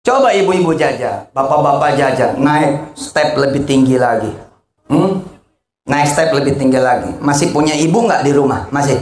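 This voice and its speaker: Animated joking preacher, echoey hall. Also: male voice, moderate pace. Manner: animated, joking, swings between high and low. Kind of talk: lively sermon to a congregation.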